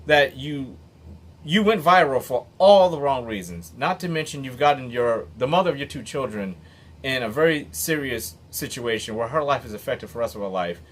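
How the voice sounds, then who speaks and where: A motivational vlogger in his late thirties delivers an unscripted commentary monologue in an expressive, medium-pitched voice at a moderate pace. He's earnest and blunt, emphatic, and swears now and then.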